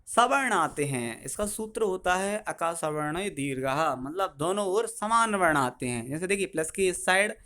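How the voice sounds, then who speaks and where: A man teaching a school grammar lesson, asking questions and answering them himself and repeating key terms slowly. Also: high voice, a bit bright.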